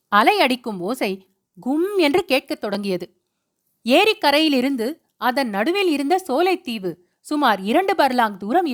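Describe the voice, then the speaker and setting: A woman narrating a novel as an audiobook in a steady, measured way. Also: high-pitched.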